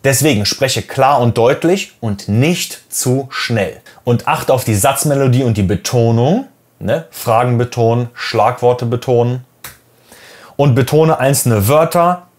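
A man's voice: mid-range voice, unhurried, darkish tone. A man who teaches English, giving direct, encouraging tips for an oral exam in a lesson video.

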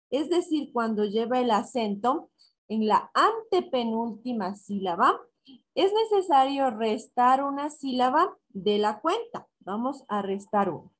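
A woman teacher giving a recorded class, explaining slowly and step by step, counting syllables aloud and answering her own questions. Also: on the high side. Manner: slow and deliberate, counting syllables aloud and asking herself questions. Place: school in Ecuador.

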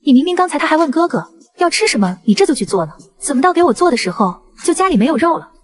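A woman's voice: sing-song, very fast. A woman voicing a young schoolgirl who complains about unfair treatment. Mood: complaining. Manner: high and complaining. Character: young schoolgirl, hurt and plain-spoken.

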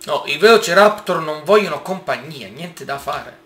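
A man giving casual gameplay commentary, excitable and exclaiming often as he talks to his viewers. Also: on the high side, moderate pace, echoey room. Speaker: gaming YouTuber.

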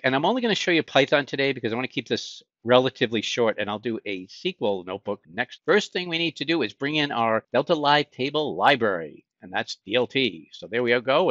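Teaching over a screen share, a middle-aged man with a Boston accent runs a conversational tech lesson in which he asks himself questions and answers them. As an instructor, his voice is mid-range with a fairly bright tone. The dull, lo-fi recording has no echo.

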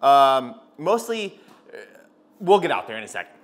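Wearing a lapel mic, a man in his thirties who hosts a car detailing channel chats through a product test for a casual review vlog. His medium-pitched voice is sing-song and moderately paced, full of fillers. He films in a garage workshop, outside by a van, and in a home hallway.

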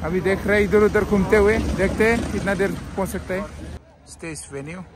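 A man's voice: sits high, fairly even intonation, normal speed. A young man vlogging his trip, chatting as he walks outdoors with a phone held at arm's length. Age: young adult. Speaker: travel vlogger. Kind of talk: casual travel vlog. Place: outdoors at a busy festival and roadside. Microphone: phone camera held at arm's length. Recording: noisy outdoor phone recording.

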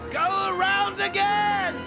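An actor voicing a manic, theatrical male clown supervillain in an animated series, giggling and swinging from purrs to shrieks. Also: high voice, exaggerated voice. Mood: gleeful menace. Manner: giggling, sing-song, swings from purring to shrieking. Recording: loud cartoon soundtrack music under the voice. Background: orchestral score and sound effects.

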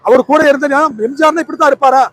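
Fast-talking high-voiced Tamil man. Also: little pitch movement, fairly bright tone, low-quality recording. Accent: Tamil Nadu. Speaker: mimicry artist. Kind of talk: emotional tribute speech.

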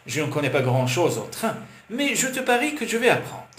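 A man voicing a lively young foreign woman, friendly and chatty with a small boy, with a foreign accent. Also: sits low, brisk. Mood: cheerful. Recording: roomy with faint hiss.

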